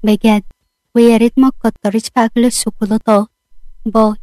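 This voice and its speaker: A woman's voice: fairly high pitch, flat delivery, fast talker, mellow, no echo, close to an everyday voice. A woman voicing a firm but caring male doctor in an Egyptian accent. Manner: firm, knowing.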